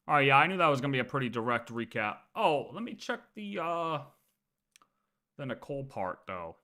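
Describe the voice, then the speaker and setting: A male streamer's mid-range voice sounds bright and forceful, very animated and fairly quick, as he reacts casually on a game livestream. He keeps arguing insistently, restating his points and swearing.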